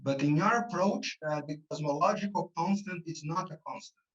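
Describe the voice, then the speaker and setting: A man's voice: fairly high pitch, normal speed, fairly bright tone. Man moderating a conference Q&A. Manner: inquisitive, methodical questioning. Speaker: session chair and moderator. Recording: muffled, fluctuating video-call audio.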